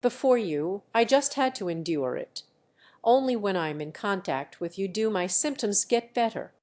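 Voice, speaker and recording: A woman's voice: medium pitch, expressive, normal speed, a little mellow, natural voice. A woman reading as a scheming, clingy young male student. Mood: wheedling. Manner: wheedling, pleading.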